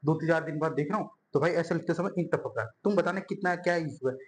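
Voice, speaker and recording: A man's voice: a little high, very fast, a little hiss or hum. A young man teaching a board-exam math lesson at a whiteboard, chatty and friendly, calling students bhai and yaar and repeating words as he draws.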